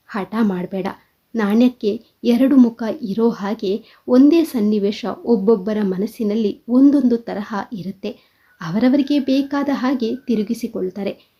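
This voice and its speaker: A woman's voice: medium pitch, slightly rough. A woman voicing an earnest, persuasive young man who pleads and reasons, in a dull lo-fi recording.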